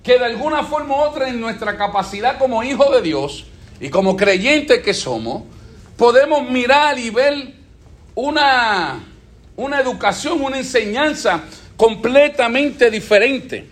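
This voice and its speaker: High-voiced preacher, echoey church. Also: male voice, expressive, unhurried, a bit bright. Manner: call-and-response questioning, repeats phrases. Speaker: pastor. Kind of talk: sermon. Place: church sanctuary.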